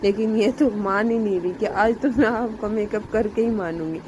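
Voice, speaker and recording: A woman's voice: mid-range voice, normal speed, noisy background. A woman, a mother, narrating a home video in a casual, chatty way, amused as she describes each step in turn.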